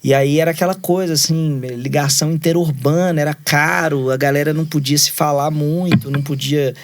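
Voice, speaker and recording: A man's voice: fairly high pitch, fairly even intonation, fairly quick. A Brazilian man in his thirties, a musician being interviewed, chatting casually and rambling through stories with constant little fillers. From Brazil, raised in Minas Gerais. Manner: rambling storyteller, fills every phrase with "né" and "assim". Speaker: musician guest.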